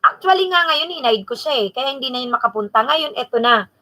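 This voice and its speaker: High, sharp-voiced woman livestream host. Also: quick pace, rough recording. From Bicol region, Philippines. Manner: animated gossipy storytelling, addressing viewers and a moderator. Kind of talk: casual livestream chat.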